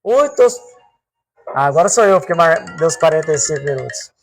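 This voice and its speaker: A man with a Brazilian accent giving a spiritual reflection talk, swinging his pitch, slowing down for emphatic repetitions and asking the audience direct questions. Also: soft background music. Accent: Brazilian Portuguese. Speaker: spiritual speaker.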